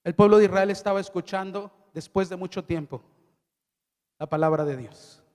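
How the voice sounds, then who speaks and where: A man's voice: high voice, moderate pace, a little mellow. A middle-aged male pastor preaching a sermon. He reads scripture aloud and asks the audience questions. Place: large hall at a youth event. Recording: long hall reverb.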